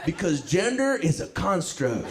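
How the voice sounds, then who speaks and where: A man's voice: on the high side, sing-song, a little slow, pitched below the performer's own voice. A stand-up comedian doing his street-slang East LA uncle who calls everyone dog and fool, in an echoey, very noisy club recording. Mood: boisterous.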